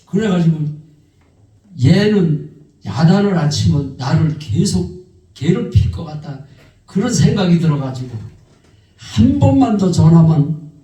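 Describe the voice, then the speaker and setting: A man's voice: a little high, a little slow, pauses often. A male pastor telling a testimony in a sermon, acting out the people in his story. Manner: animated, acts out quoted voices. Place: church sanctuary. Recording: echoey church hall, mic far off.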